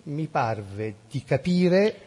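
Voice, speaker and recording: A man reading an audiobook story in a measured storytelling voice. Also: on the high side, sing-song, mellow, slightly rough. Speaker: narrator. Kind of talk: audiobook narration.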